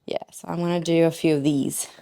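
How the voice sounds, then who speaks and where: A woman's voice: deep voice, steady tone, a little fast, vocal fry, dark tone. A woman hosting a home cooking video, chatting playfully and joking as she plates a dessert in her kitchen. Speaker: cooking show host. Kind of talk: casual cooking demo chat.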